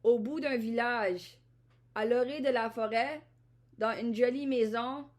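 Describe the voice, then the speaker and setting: Slightly high, slightly slow, and a little mellow, this woman's voice carries a vlog monologue to the camera. She is from Ottawa, Canada, and her introspective rambling includes many repeated and restarted phrases.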